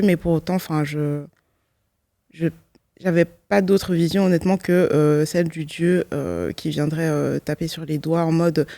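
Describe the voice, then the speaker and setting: A Belgian law student in her twenties gives personal testimony as a guest, her voice low and warm with no room sound. She speaks reflectively and hesitantly, often correcting herself.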